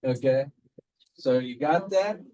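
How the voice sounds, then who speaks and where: A man's voice: mid-range voice, slow, dark tone, rough recording. A man teaching a math class, talking casually and quizzing students with repeated prompts. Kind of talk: classroom lecture.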